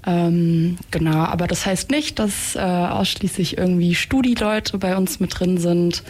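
A woman's voice: on the low side, fairly even intonation, unhurried, a little mellow. A young adult woman speaking casually as a student activist guest in a radio interview.

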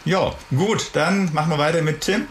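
A man hosting a radio studio interview, chatty and relaxed as he introduces guests and asks loose, rambling questions. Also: on the high side, moderate pace, slight background noise. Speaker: radio host.

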